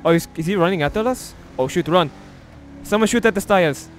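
A man streaming a mafia role-play game, excitable and bossy, shouting orders at his crew. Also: high voice, fairly quick, a little hiss or hum.

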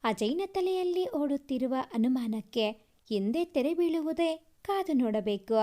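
A woman narrating a scripted story in a measured reading voice. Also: high voice, mellow.

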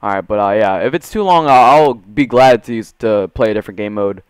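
A young man doing casual, profane video game commentary in slangy gamer bro talk, swinging between muttering and excitement. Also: fairly low pitch, fairly quick, clear, resonant tone, no room sound, clean studio sound. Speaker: gaming video creator.

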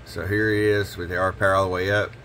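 A deep-voiced man who owns and repairs CB radios at his shop talks quickly and casually at an indoor repair workbench, demonstrating his work. His manner is relaxed and folksy, he keeps saying "hello" into the mic as he tests, and there's a slight hiss or hum.

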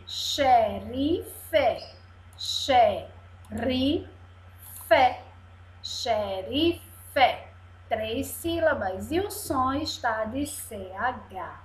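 A woman teacher gives a video lesson to young children, patiently drawing out each word syllable by syllable. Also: on the high side. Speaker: primary school teacher. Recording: echoey room sound.

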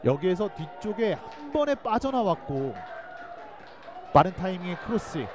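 A high-voiced man calls a live football match play by play. His delivery is animated and excitable, swinging up into shouts on chances, with faint stadium noise behind him. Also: moderate pace, a crowd in the background.

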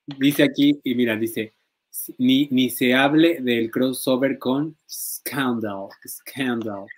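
Playful male gossip host. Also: mid-range voice. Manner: playful, reads viewer comments aloud, jokes in halting English. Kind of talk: casual gossip chat.

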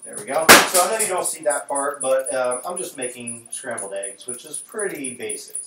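A man with a medium-pitched, animated voice chats casually with viewers at a moderate pace while cooking breakfast on a livestream, fiddling with his audio settings as he talks. He sits far from the mic, so his voice rings with an echoey, cave-like room sound over faint background noise.

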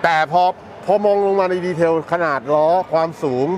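A man, a car reviewer, explaining vehicle features quickly and casually at an expo, often repeating words. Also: on the high side, steady tone, a little mellow, slight background noise. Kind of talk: casual car show walkaround.

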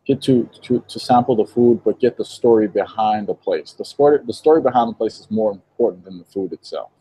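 A young man from Israel, a guest on a video call interview, telling his story in a relaxed way with light laughs, speaking into an earphone mic in a shop. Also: on the low side, breathy edge, low-quality recording. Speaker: interview guest, vegan baker. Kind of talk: casual interview. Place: indoor shop with green wall. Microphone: earphone headset on video call.

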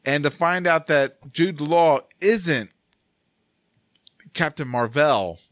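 A man's voice: fairly high pitch, slow pace, fairly bright tone, dry recording, studio quality. A man hosting a casual podcast chat, laughing often and tripping over his words. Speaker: podcast host.

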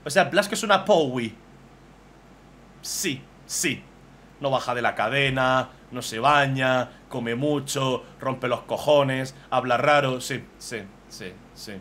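A man, casually commentating on fan drawings as a streamer, excitable and swearing freely. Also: medium pitch, slow, slight background noise.

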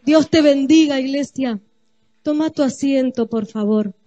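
A woman's voice: high voice, unhurried, mellow, muffled recording, soft background music. A woman pastor preaching a sermon, addressing the congregation directly with emphatic, repeated phrases. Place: church.

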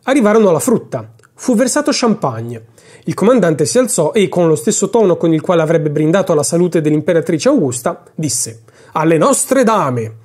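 A man's voice: fairly high pitch, expressive, fairly quick, dark tone, slightly rough. A man reading a classic story aloud for his podcast, narrating expressively and dramatically. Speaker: podcast host and reader.

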